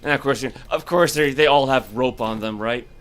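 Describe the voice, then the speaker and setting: A man's voice: mid-range voice, fairly quick, a bit bright. A man casually commentating a game as he plays, thinking aloud and reacting to each turn. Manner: musing, thinks aloud while playing. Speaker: gameplay commentator. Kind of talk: casual let's-play commentary.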